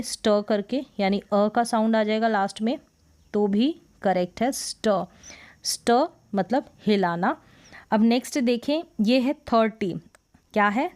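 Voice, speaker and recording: A woman's voice: mid-range voice, darkish tone. A woman teaching English pronunciation, repeating each word and asking then answering her own questions. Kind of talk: explaining a word list in a lesson.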